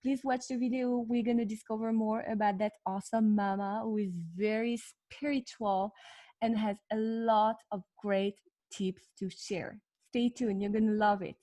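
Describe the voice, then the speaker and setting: A woman's voice: a little high, flat delivery, normal speed, dark tone. A woman hosting a live video interview, eager and enthusiastic with her guest. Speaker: host. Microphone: video call.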